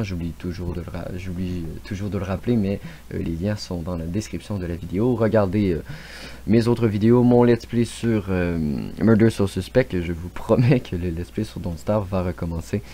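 A man giving excitable let's play commentary, then chatting to his viewers in an outro. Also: deep voice, a little hiss or hum. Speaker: YouTube gamer.

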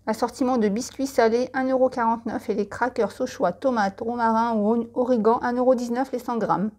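A woman's voice: on the high side, a little mellow. A French woman chatting through a supermarket catalogue, listing products and prices with friendly tips and asides. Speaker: catalogue presenter.

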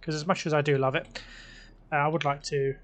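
A young man from the UK chats casually while building in a game, thinking aloud through every small choice. His voice sits a little higher than most men's. He sounds relaxed and unhurried at his desk microphone. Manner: chatty, musing, talks himself through choices. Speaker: let's play host. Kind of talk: casual gameplay commentary.

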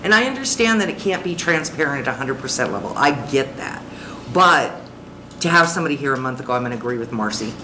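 A woman's voice: a bass voice, animated, fast talker. A woman on a city council, blunt and frustrated, questioning a presenter. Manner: blunt, frustrated, plain-spoken. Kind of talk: questioning at a public council meeting. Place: large council chamber, seated at the dais. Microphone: desk microphone. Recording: echoey noisy council chamber.

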